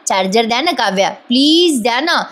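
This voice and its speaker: A woman's voice: a little high, animated, fairly bright tone. A woman voicing a teasing, wheedling young husband. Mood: pleading. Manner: pleading, drawn-out calls for attention. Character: lazy young male architect, teasing and wheedling.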